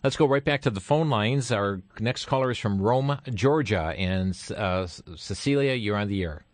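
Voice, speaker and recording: A man hosting a call-in talk radio show, speaking with smooth radio host delivery as he takes callers and points listeners to information. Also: lowish voice, moderate pace, no echo.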